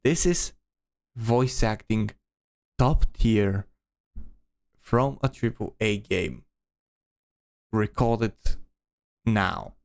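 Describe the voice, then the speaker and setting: A man's voice: lowish voice, expressive, drawn-out words, gravelly, pauses often. A man streaming, giving rambling casual commentary with many restarts and repeated words.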